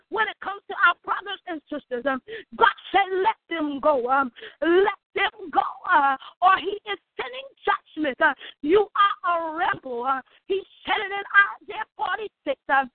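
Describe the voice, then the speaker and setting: A woman with a very high voice leads an impassioned prayer, piling up declarations between little uh fillers. The sound is thin and tinny, like a phone line, with a dry, close feel. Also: no echo. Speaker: prayer leader. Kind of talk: fervent spoken prayer.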